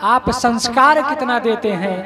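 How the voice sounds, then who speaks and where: A man preaching at an ashram, telling a moral story slowly and asking the listeners rhetorical questions. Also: extremely high pitch, crowd noise. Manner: slow, repeats rhetorical questions to the audience. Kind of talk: storytelling sermon. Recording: flute music playing behind.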